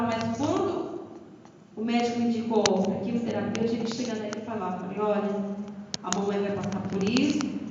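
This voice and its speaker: A woman's voice: medium pitch, background noise. A woman with a São Paulo Brazilian accent giving an emotional church testimony, addressing listeners as brothers and acting out dialogue. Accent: Brazilian Portuguese, São Paulo. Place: church hall. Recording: echoey church hall from far off, muffled.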